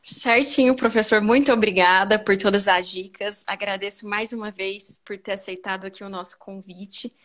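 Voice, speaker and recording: Brazilian woman hosting a live, friendly polite, average pitch. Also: fairly even intonation, normal speed, few pauses, fairly bright tone. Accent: Brazilian Portuguese. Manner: friendly, polite, wraps up with announcements. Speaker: host of a live stream.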